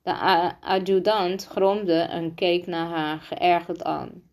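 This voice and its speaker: A woman reads a children's book aloud at a slow, careful pace. She stumbles often, going back over words and restarting sentences. Her voice sits a bit low for a woman. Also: level tone. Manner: halting, frequent restarts and slips. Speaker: reader.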